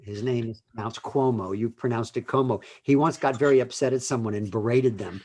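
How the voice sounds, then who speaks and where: A man co-hosting a talk show, laying out arguments in a measured way and rising with emphasis on key points. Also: medium pitch, warm tone. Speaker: co-host, lawyer. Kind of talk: opinionated talk show discussion.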